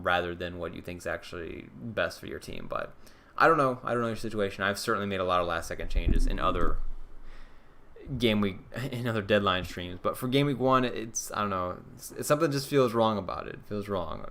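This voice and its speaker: A young man with a lowish voice chats on a live stream, answering viewers. He thinks aloud in a loose, casual way, full of ums and restarts. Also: a little fast, gravelly, bright, forceful tone, slight background noise. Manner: casual, answers viewer questions, many fillers. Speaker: fantasy football streamer.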